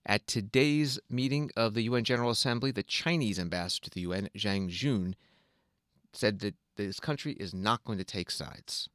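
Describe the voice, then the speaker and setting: A man's voice: fairly low pitch, moderate pace, fairly bright tone, smooth, no echo, studio quality. A man hosting a news programme, reading scripted news narration. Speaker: radio news host.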